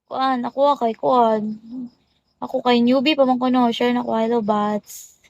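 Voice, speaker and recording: Slow, gravelly woman livestreaming. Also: on the high side, steady tone, darkish tone, no room sound, lo-fi sound. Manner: chatty, rattles off viewer greetings. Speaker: livestream host. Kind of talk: casual livestream chat greeting viewers.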